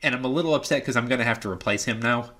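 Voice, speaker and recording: A man's voice: medium pitch, racing, fairly bright tone, close to an everyday voice. A man voicing a smug, mock-polite hobgoblin camp boss in a tabletop game. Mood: put-out. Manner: chatty, mock-polite menace.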